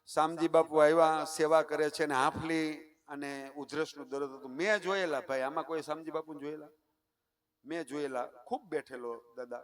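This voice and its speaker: A man in his fifties with a Kathiawadi Gujarati accent, telling a devotional folk story to a live gathering, swinging from hushed asides to loud declaiming with half-sung lines. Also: on the high side, steady tone, normal speed. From Saurashtra, Gujarat. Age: 50s. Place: live stage before a village gathering.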